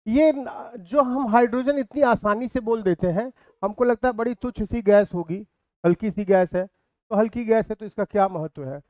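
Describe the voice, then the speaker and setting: A man's voice: high-pitched, normal speed, dark tone, no room sound. A man teaching a physics class in speech, repeating key terms and asking his students questions. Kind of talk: classroom lecture.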